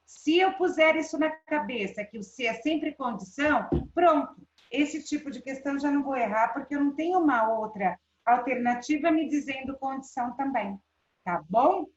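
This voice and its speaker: A woman's voice: high voice, animated, normal speed. Brazilian lady teacher on a live stream, keeps asking students if they're ok, echoey and a bit muffled. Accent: Brazilian Portuguese. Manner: chatty, checks in with students often. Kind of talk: live online class. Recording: roomy, dull lo-fi sound.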